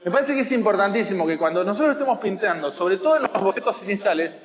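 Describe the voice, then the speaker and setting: A man's voice: high voice, fairly bright tone, in a large hall. A man with a Rioplatense Spanish accent giving a watercolor masterclass to students, explaining patiently and teasing them now and then. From Argentina. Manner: explanatory, teasing, checks understanding. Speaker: watercolor teacher. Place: school hall.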